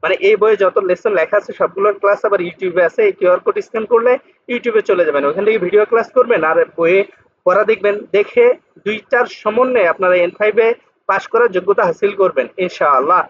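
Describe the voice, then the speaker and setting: A man teaching Japanese vocabulary, patiently repeating each word slowly to drill its pronunciation. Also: high voice, breathy edge. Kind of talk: vocabulary lesson explanation. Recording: dull lo-fi sound.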